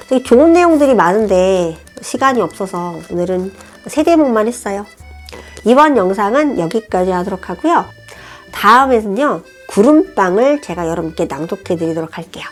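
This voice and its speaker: A woman teaching Chinese, explaining a novel passage in a friendly, animated way. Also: medium pitch. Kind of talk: language lesson, reading a novel aloud and explaining. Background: soft background music.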